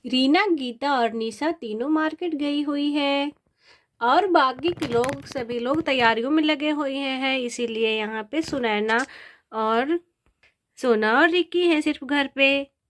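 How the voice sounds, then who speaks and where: A woman opens and narrates a children's doll story, greeting viewers and setting the scene in a friendly, explanatory way. Her voice is high. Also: measured pace, a bit bright, a little hiss or hum.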